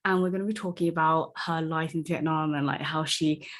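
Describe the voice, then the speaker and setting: A woman's voice: deep voice, fairly even intonation, brisk. Curious young woman hosting a podcast. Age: young adult. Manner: curious, gently prompting questions. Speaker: podcast host. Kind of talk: casual interview.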